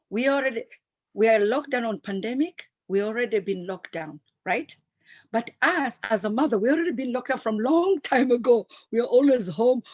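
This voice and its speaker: A woman's voice: on the high side, no room sound. A woman in her fifties who grew up in East Africa, a guest entrepreneur talking with passion and repeating her points for emphasis. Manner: emphatic and repetitive, speaks with passion. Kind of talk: interview, enthusiastic storytelling.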